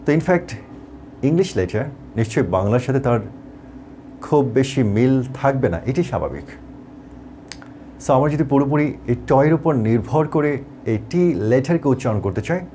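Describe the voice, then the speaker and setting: A man teacher with a Bangladeshi accent and a warm, mellow voice, guiding a pronunciation lesson. His pitch rises and falls a lot as he explains and slowly repeats example words and sounds. Faint background noise runs under the recording. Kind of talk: tutorial lesson.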